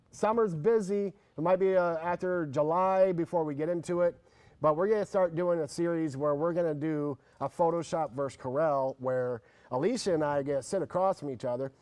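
A middle-aged man hosting a workshop, talking casually in a slightly monotone, rambling way with restarts. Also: on the high side, no echo. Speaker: workshop host. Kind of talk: casual instructional talk.

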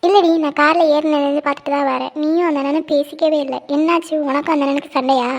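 A woman's voice: high voice, fairly even intonation, quick pace. A woman voicing a teasing cartoon best friend. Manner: playful, teasing, nosy. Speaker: cartoon character. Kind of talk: cartoon voice acting.

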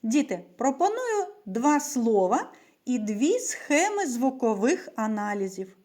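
A patient woman teacher leads young children through a reading lesson. She stretches out her words in an unhurried, deliberate way. Her fairly high voice swings widely in pitch as she asks questions and answers them herself. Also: sing-song, darkish tone. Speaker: primary school teacher.

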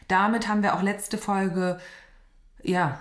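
A woman's voice: mid-range voice, fairly even intonation, slow. Chatty, sarcastic young woman streamer. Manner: chatty, sarcastic, blunt slang. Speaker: reaction streamer. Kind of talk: casual reaction commentary. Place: small decorated studio room. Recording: roomy echo.

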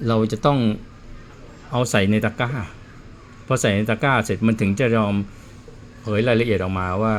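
Here a man who fixes watches chats casually while working, his voice fairly low with a slight hiss or hum in the background. He tells stories and explains things in an easygoing, plain way.

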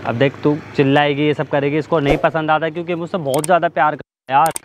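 A man's voice: a little high, little pitch movement, fast. A young man in a staged vlog argument, pleading and insisting, swinging from coaxing to raised voice, with faint traffic noise outdoors. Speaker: vlogger. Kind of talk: staged couple-prank vlog, pleading and scolding.

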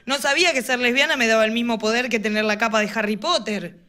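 A woman's voice: a little high, quick pace, bright, forceful tone. A woman with a Rioplatense Argentine accent doing live stand-up, chatty and laughing at her own jokes. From Morón, western Greater Buenos Aires, Argentina. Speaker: stand-up comedian.

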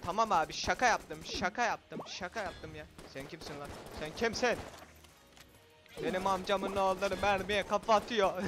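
A man casually commentating a video game for viewers, excitable and quick to shout and swear when frustrated. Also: high-pitched. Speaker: gaming video host.

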